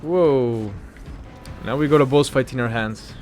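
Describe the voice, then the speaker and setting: A man's voice: medium pitch, unhurried, darkish tone, soft background music. A man giving casual, rambling game commentary while he plays, easily sidetracked by the action. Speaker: gaming video host. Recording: clear background game noise.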